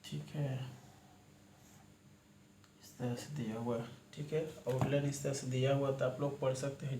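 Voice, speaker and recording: A man gives a casual shorthand lesson, walking through examples one by one and repeating the same phrases. His voice stays flat and even, with little rise or fall. He is recorded in an echoey room with a faint hiss behind him. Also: medium pitch. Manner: repetitive, walks through examples step by step. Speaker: shorthand teacher.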